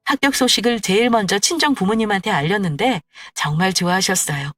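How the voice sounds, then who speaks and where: A woman narrating a first-person story in an expressive, conversational telling. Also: medium pitch, quick pace, no echo, clean studio sound, distant mic, faint music behind.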